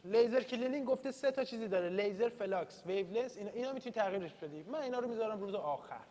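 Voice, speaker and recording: A man's voice: high-pitched, animated, mellow. A male university lecturer giving an informal, chatty, self-deprecating study-session lecture in a classroom. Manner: chatty and self-deprecating, mixing in read-out English terms. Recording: reverberant room, faint background noise.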